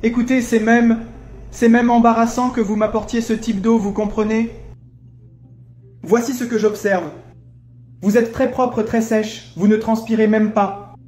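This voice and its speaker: A man's voice: high voice, level tone, unhurried, long pauses, soft background music. An actor playing a grumpy, bossy old father who lectures everyone and never stops complaining. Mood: demanding. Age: older. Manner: overbearing, lecturing, loud complaints. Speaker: visiting father.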